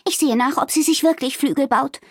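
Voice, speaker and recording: A woman voicing an eager, excitable young girl who talks in breathless bursts. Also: high voice, fairly quick, dry recording, clean studio sound, pitched above the performer's own voice. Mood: excited.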